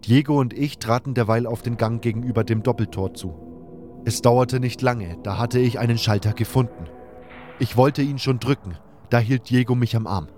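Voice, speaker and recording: A man's voice: medium pitch, darkish tone. A man reading a scripted first-person fantasy story as its narrator.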